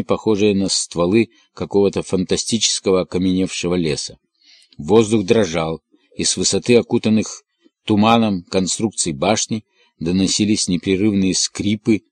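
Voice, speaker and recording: Low-voiced male audiobook narrator. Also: a little mellow, breathy edge, no echo. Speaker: audiobook reader. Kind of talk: scripted novel narration.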